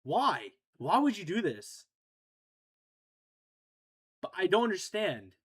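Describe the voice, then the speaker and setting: A man's voice: sits high, wildly swooping pitch, takes it slowly, fairly bright tone, slightly rough. A man streaming a game live, talking casually and ranting with heavy profanity about his build and the challenge.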